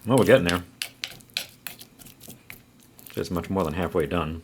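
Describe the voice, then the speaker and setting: A man's voice: deep voice, quick pace, background noise. A man vlogging an eating challenge, talking while chewing with groans and sighs. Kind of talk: casual eating vlog.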